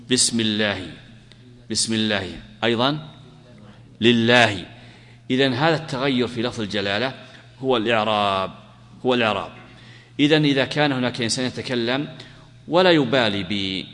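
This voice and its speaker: A man's voice: medium pitch, a bit bright. A man explaining grammar to a class, asking questions and answering them himself and repeating the key phrases. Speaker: teacher of Arabic grammar. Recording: long hall reverb.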